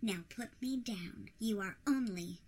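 A woman's voice: mid-range voice, unhurried, darkish tone, close to an everyday voice. A woman voicing a shrunken queen who protests imperiously and indignantly at her captor. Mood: defiant.

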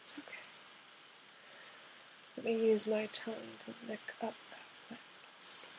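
A woman in an intimate audio roleplay addressed to the listener, talking in a soft, half-whispered voice that coaxes and gently commands. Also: fairly high pitch, completely flat delivery, a little slow, creaky, a little hiss or hum, rough recording.

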